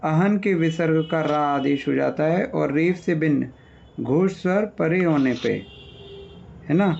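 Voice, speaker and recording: Speaking at a measured pace, this Sanskrit teacher has a somewhat high, creaky voice with a darkish tone. His online grammar revision class features patient explanations, lists of word meanings, and frequent check-ins with students, all in lo-fi sound.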